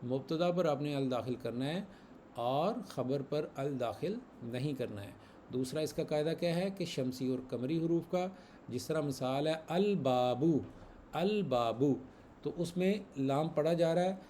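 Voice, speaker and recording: A man's voice: fairly high pitch, animated, unhurried, warm tone, slight background noise. A man teaching a class, patiently repeating examples and quizzing his students. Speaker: Arabic grammar teacher. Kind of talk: online class lesson.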